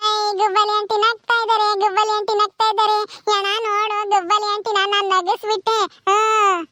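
A woman voicing a small, cheeky and curious girl who asks slow, drawn-out questions in a home comedy skit. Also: very high-pitched, flat delivery, pushed and bright, no room sound, pitched above the performer's own voice. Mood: teasing.

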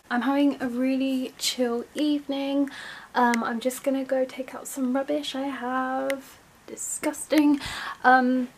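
A young woman from England chatting casually in a home vlog, gushing and quick to laugh. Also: high voice, a little hiss or hum. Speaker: vlogger.

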